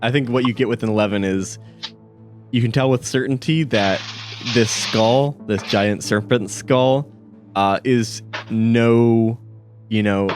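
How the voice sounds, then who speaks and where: A man's voice: medium pitch, a little slow, darkish tone, faint music behind. A man narrating a tabletop game as game master, hesitant, with many fillers and restarts.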